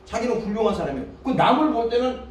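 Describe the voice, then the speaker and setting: A man preaching a Sunday sermon as pastor, asking his congregation questions and nudging them with "eh?", switching between loud scripture readings and quiet asides. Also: very high-pitched, expressive, rapid-fire. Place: church sanctuary. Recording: echoey church hall from far off, faint noise.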